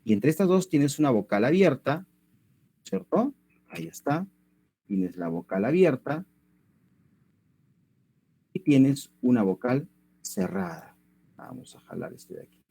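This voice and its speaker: A man's voice: a little high, very animated, measured pace, gravelly, long pauses, dark tone, husky. A male teacher giving an online language lesson over a computer mic, going step by step and checking that students follow. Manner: patient, step by step, keeps checking understanding.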